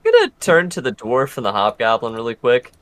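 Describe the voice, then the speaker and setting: A man's voice: medium pitch, huge pitch swings, a little fast, a bit bright, clear, resonant tone, dry recording. A man talking casually as a player in a tabletop game, describing what his character does.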